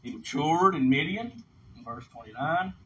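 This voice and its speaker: Animated and forceful, a man with a fairly high, bright voice teaches an informal Bible lesson at normal speed, reading aloud and explaining. He often checks in with a quick "okay?", recorded in dull lo-fi sound with faint noise behind him.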